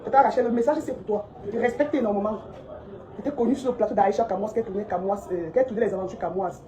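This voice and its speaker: A woman's voice: medium pitch, fast, dark tone, rough recording. A woman who owns a shop, giving a heated, scolding monologue to her followers and repeating her points indignantly. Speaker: shop owner vlogging.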